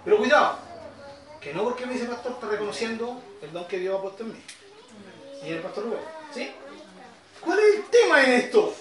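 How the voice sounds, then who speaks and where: A Chilean man preaching a sermon in a high, bright voice. He drops to soft asides, then climbs to shouted, emphatic peaks. He sounds set back from the mic in an echoey room. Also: very animated, brisk, pauses often, recorded from a distance. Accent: Chilean Spanish. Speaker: pastor.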